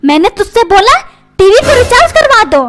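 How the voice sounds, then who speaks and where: A woman's voice: very high voice, very animated, normal speed, loud music behind the voice. A woman voicing a dramatic, nagging cartoon mother who complains about her husband.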